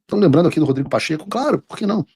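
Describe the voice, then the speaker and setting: Fast-talking, husky Brazilian man hosting live. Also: a little high, lively intonation, a little mellow, dry recording, clean studio sound. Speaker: live show host and political commentator. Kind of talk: live political commentary, reading out and translating texts.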